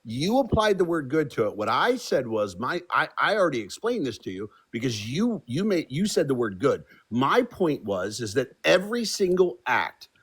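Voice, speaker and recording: A man's voice: mid-range voice, sing-song, moderate pace, few pauses, slightly rough. A man in a heated online debate who swears and repeats himself in exasperation. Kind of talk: heated live-stream debate.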